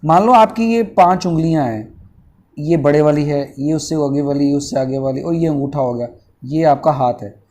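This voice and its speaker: A young man with an Indian accent teaching English vocabulary in an online lesson, slowly splitting long words into syllables with many fillers. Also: a little high, a little mellow. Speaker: English teacher for exam prep.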